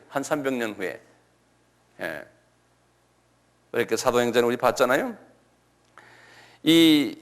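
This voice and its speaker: A male pastor giving a lecture-style sermon, repeating key words slowly and asking his listeners questions. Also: on the high side, a bit bright.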